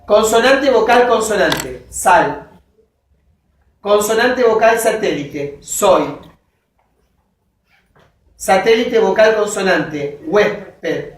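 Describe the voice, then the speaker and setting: A woman gives a university lecture in a slow, methodical way and checks in with her students. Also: medium pitch, expressive, distant mic, a little hiss or hum. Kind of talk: classroom lecture. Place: classroom. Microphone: distant recorder in the room. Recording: echoey classroom recording from afar.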